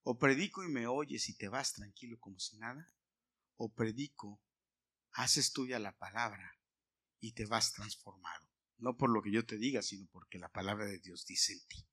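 A male pastor preaching a sermon to his congregation. He asks the listeners questions and swings from loud emphatic lines to quiet asides. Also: fairly low pitch, normal speed, husky. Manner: asks the congregation questions, sings snatches of a hymn.

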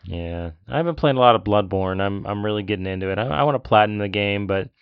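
A man's voice: fairly low pitch, fast talker, smooth, no room sound. A man co-hosting a podcast, telling a story in casual chat and ranting as he goes. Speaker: podcast co-host. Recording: dull lo-fi sound, dry.

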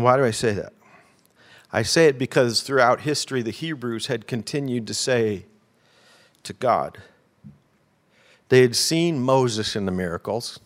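A man preaching a sermon as a pastor, telling stories with animated swings between loud emphatic peaks and hushed low asides.

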